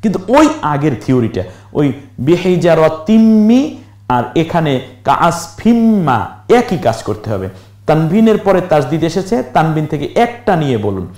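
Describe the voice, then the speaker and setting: Male Quran teacher, slightly high voice, patient letter-by-letter drilling, echoey room. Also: very animated, darkish tone. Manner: spells out letters slowly, then chants the verse in a stretched singing tone. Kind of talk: step-by-step recitation lesson.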